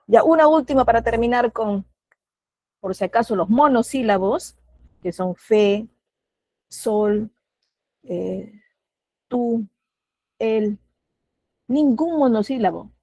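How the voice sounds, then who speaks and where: A middle-aged woman with a Peruvian Spanish accent leads an online class over a video call. Her voice is mellow and dry, and she keeps asking the group questions and naming students as they answer. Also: medium pitch, creaky, no echo. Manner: patient, questioning, calls on students by name. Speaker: teacher.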